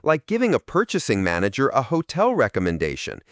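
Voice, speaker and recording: A man's voice: medium pitch, wildly swooping pitch, a little fast, no echo. Guy reading a scripted lesson, explains evenly, voice moves up and down a lot, dry. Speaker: narrator. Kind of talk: scripted narration.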